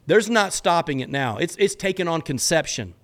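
A man's voice: fairly high pitch, lively intonation, normal speed, a bit bright. A man hosting a faith podcast, giving an earnest, exhorting sermon-like teaching in casual language, often stumbling over repeated words.

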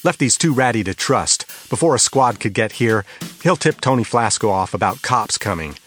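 A man's voice: lowish voice, expressive, normal speed, a bit bright, soft background music. Raging tough detective, a man putting him on. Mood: furious. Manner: snapping, raging, contemptuous. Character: angry tough young male detective hero.

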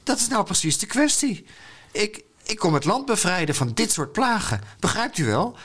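A man reading aloud from a children's book, voicing a pompous young would-be knight who speaks in grand, high-flown phrases. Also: big pitch swings, moderate pace, a bit bright, exaggerated voice. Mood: boastful.

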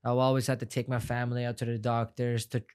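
The young Afghan man speaking is a guest fighter being interviewed casually, a Farsi native using English. He talks quickly in a medium-pitched, level voice that is darkish, clear and resonant, rambling and repeating words with heartfelt emotion.

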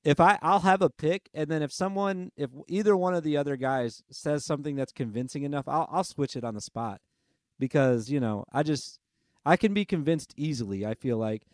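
A man's voice: a little high, darkish tone, dry recording, clean studio sound. A man hosting a sports podcast in casual, chatty talk, self-deprecating and easygoing. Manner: chatty, self-deprecating, quick to change his mind. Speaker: podcast host.

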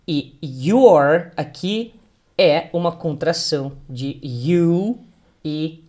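A man teaching English pronunciation, drilling words slowly and having the listener repeat after him. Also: a little high, a little mellow. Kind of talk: pronunciation lesson.

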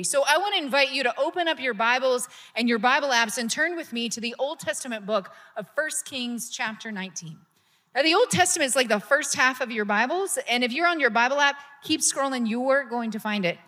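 A woman's voice: on the high side, sharp tone. A woman pastor preaching a sermon in a conversational style, building to emphatic points. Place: church sanctuary. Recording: long hall reverb.

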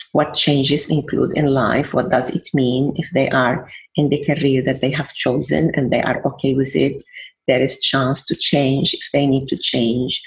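An older woman with a Venezuelan accent, talking as a guest counselor in an interview. She sounds warm and reflective and sometimes searches for her words. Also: extremely low pitch, creaky. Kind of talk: interview conversation.

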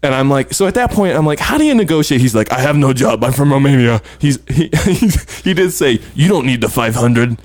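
A man's voice: mid-range voice, a little fast, hardly any pauses, no echo. Laughing man telling a long story. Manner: animated storyteller, laughs a lot, swears. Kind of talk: casual storytelling chat.

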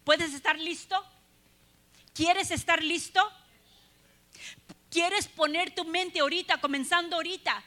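A woman's voice: very high-pitched, fairly even intonation, measured pace, pauses often, bright, forceful tone. A woman preaching a sermon, earnest, asking her listeners rhetorical questions.

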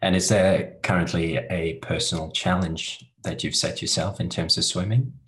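Guy with a super low voice asking interview questions, short friendly prompts. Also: steady tone, moderate pace, a bit bright. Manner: brief, encouraging prompts.

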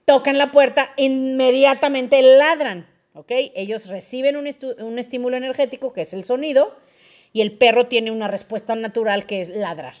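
A young woman with a Mexican accent, hosting a podcast in a casual, explaining way and often checking in with her listeners. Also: fairly high pitch. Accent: Mexican Spanish. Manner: lively, asks listeners questions often. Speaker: podcast host.

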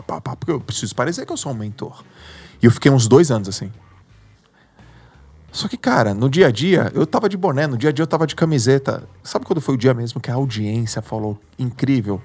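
A man with a Brazilian Portuguese accent, a podcast guest who mentors entrepreneurs, telling stories in a slangy, emphatic way with some swearing. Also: mid-range voice. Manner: slangy and emphatic, swears, acts out his own inner voice. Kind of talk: animated podcast storytelling.

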